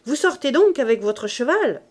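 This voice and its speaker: A woman voicing a cheeky, brash street boy in a storybook reading, talking loudly and jauntily in a raised voice. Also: big pitch swings, normal speed. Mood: mocking. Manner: loud, jaunty, raised pitch.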